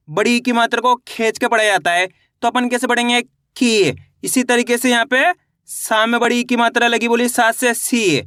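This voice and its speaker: Bright, high-voiced male reading teacher. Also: smooth, no room sound, clean studio sound. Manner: slow, drawn-out syllable-by-syllable spelling with repeated checks. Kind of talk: online reading lesson.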